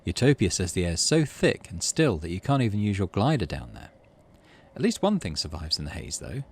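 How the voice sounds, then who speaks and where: With a low voice and a breathy edge, this middle-aged man talks fairly quickly and swings hugely in pitch. He's a gaming channel host doing a let's play, giving the game text an expressive reading and making casual asides under his breath.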